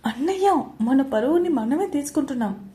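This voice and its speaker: Woman voicing a calm, affectionate young mother. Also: high voice, normal speed. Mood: gentle. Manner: gentle, placating, lightly joking.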